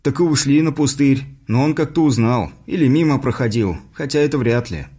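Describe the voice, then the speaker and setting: A man's voice: medium pitch, animated, fairly quick, dark tone, slightly rough. A man voicing an eager, curious young schoolboy inventor in an audiobook.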